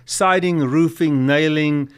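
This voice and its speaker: On a talk show, a nonprofit's executive director from South Africa shares stories in a casual interview, earnest and full of fillers. The middle-aged man's light accent comes through a slow, clear, resonant voice on the high side.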